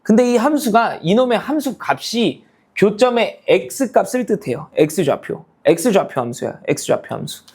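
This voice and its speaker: Male math lecturer, fairly high voice, lively intonation, coaxing students with constant "right?" checks. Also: measured pace, breathy edge. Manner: constantly checks understanding with tag questions; calls himself teacher, half-casual speech. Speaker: math teacher.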